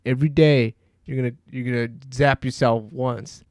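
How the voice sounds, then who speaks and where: A man's voice: mid-range voice, steady tone, normal speed, darkish tone, no room sound, clean studio sound. A man co-hosting a casual podcast, telling loose anecdotes and teasing his friend. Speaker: podcast co-host. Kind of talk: casual chat.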